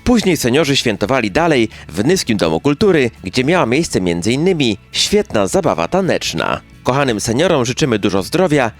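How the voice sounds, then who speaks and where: A man's voice: medium pitch, big pitch swings, normal speed, hardly any pauses. A man reading a scripted local news narration in speech, as a chronicle announcer. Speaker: newsreel narrator. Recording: music bed behind the voice.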